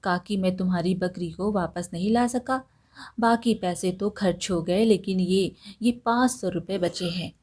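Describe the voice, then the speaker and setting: A woman's voice: on the low side, measured pace, darkish tone. A woman doing a shifty lying village man. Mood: defensive.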